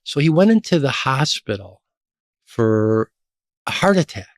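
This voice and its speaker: A middle-aged man from Chicago, a guest in an interview, telling lively stories about his career. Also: measured pace, no room sound, studio quality. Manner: animated storyteller, lively pitch jumps. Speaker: podcast guest, association executive. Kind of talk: storytelling interview.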